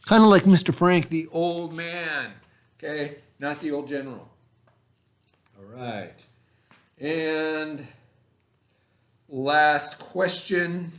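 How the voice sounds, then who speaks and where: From an echoey indoor room, a middle-aged elementary school teacher gives a remote video lesson to children, speaking slowly with long pauses in a voice on the high side. He reads aloud and explains casually, frequently repeating things and quizzing the kids to confirm they understand.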